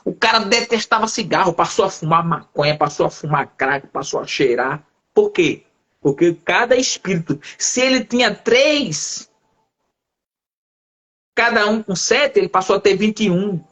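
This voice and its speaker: A male pastor telling a lively testimony in a live conversation, acting out the voices of the people in his story. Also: sits high, moderate pace. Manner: lively storyteller who acts out quoted voices.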